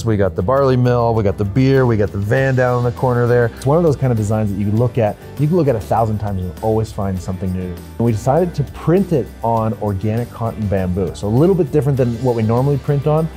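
A man in his thirties speaks quickly and enthusiastically in a promotional interview. His voice is low and mellow. Soft music plays beneath him. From Canada. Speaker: clothing company co-owner. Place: indoor brewery taproom.

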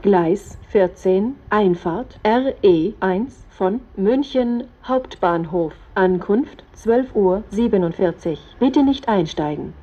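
A mid-range, animated female voice with a standard German accent delivers scripted, automated platform announcements on a station PA, neutral and measured in separate segments. The high frequencies are cut off, the sound is echoey, and station background noise comes through clearly.

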